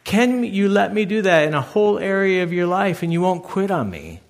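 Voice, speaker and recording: A middle-aged man, a pastor, preaching a sermon with lively storytelling. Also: high-pitched, moderate pace, vocal fry. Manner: animated storytelling, acting out others loudly.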